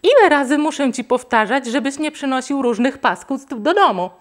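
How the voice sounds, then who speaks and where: A woman's voice: sits high, expressive, normal speed, pitched above the performer's own voice. A woman reading aloud and voicing an exasperated mother scolding her son in a storybook.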